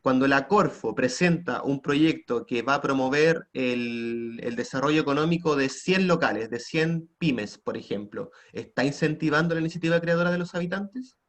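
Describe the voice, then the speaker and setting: Over a video call's computer mic, a Chilean Spanish-accented man leads an online class, peppering students with tag questions. His voice sits at medium pitch with a fairly bright tone, moving at normal speed with few pauses.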